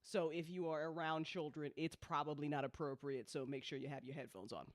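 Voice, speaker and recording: A woman with a deep voice hosts a live listening party for an audio drama, chatting fairly quickly in a casual live stream; she's also a co-founder, writer, and director. She's informal, playful, and swears freely, and the sound is clean studio audio with no echo.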